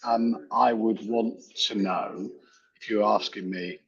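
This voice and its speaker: A man speaking as a guest on an online panel over a video call whose audio keeps glitching and cutting out. He talks haltingly and restarts his sentences. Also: on the low side, steady tone, slightly rough. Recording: muffled video call line.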